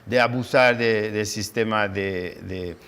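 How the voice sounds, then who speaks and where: A man's voice: fairly low pitch, slow, a bit bright, clear, resonant tone, in a large hall. A man hosting a TV interview, affirming his guest with short "ujú" and "ok" replies and then making his own points. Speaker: TV show host. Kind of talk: conversational TV interview.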